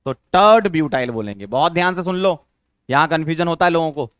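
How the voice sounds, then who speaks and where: High-voiced man teaching chemistry. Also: expressive, brisk, a bit bright, clean tone, dry recording, studio quality. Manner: coaxing, asks students questions and repeats key terms. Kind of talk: classroom lecture.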